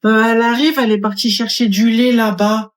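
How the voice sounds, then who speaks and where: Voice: mid-range voice, level tone, fairly quick, lightly acted. A performer voicing a naive little girl who whines about her mother in a comedy skit. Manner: childish, innocent, whiny. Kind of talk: comedy skit role-play.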